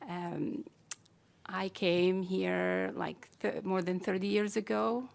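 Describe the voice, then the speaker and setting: A woman from Algeria thanks a city council in a slow, flat voice with a gravelly edge. She speaks hesitantly and often restarts her sentences. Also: mid-range voice. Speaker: public commenter. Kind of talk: public comment at a council meeting.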